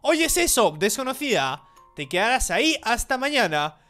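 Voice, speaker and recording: A man's voice: very high-pitched, sing-song, normal speed, bright, forceful tone, soft background music, voice pushed up, heavily acted. Man doing a whiny, jealous teen girl in a horror game. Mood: gleeful. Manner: whiny, childish taunting. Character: clingy, unstable teenage sister, loud and jealous.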